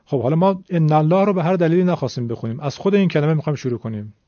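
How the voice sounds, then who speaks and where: A man's voice: fairly high pitch, dark tone, no room sound. A man giving a patient, polite, step-by-step lesson on Quran recitation. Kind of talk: classroom lesson explanation. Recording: dull lo-fi dry recording.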